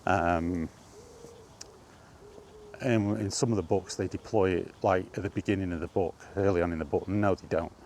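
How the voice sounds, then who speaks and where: With a deep, darkish voice at normal speed and fairly even intonation, a man vlogs during a walk outdoors amid slight background noise. He rambles casually, keeps correcting himself, and becomes increasingly exasperated.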